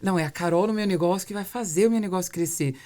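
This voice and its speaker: A Brazilian woman who is a podcast host and business mentor leads a casual interview in a low-ish, mellow voice at a quick pace. She explains her thoughts at length, building her points through repetition.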